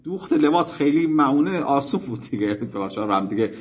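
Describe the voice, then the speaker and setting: A man giving a religious lecture to seminary students, telling stories in a formal, animated way with polite asides to his listeners. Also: medium pitch, breathy edge.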